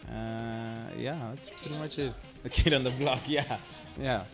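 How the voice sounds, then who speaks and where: With a medium pitch and a measured pace, a young Kenyan actor talks over music during a laid-back radio interview. He laughs often and keeps dropping "like" and "I mean" into his sentences.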